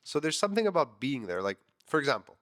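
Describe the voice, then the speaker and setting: Swearing liberally, a man in his thirties rambles candidly through his podcast, his voice stuffy and nasal. He speaks quickly with a sing-song lilt, a medium pitch, and a fairly bright tone.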